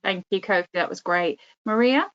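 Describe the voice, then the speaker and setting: Her voice is medium in pitch and moderately paced as this woman, a career consultant, runs an online workshop in a friendly, upbeat manner, dropping in many fillers. The audio comes through a video call and sounds dull and lo-fi.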